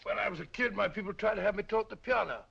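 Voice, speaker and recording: An actor playing a bluff, good-natured doctor and sidekick in a 1940s film, with a gravelly, hearty voice. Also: male voice, high voice, quick pace, full character voice. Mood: chatty. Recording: dull lo-fi old film soundtrack.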